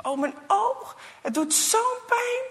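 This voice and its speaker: Lady doing a hurt little boy, high whiny voice, storybook, reverb. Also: very animated, slow pace, fairly bright tone, heavily acted. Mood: pained. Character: hurt young boy in pain. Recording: long reverb.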